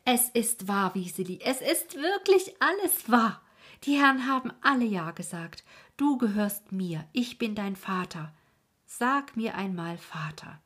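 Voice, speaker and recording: A woman voicing an overjoyed, kindly middle-aged carpenter who talks excitedly and breathlessly, in a storybook reading. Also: low-pitched, unhurried, creaky, breathy edge, exaggerated voice.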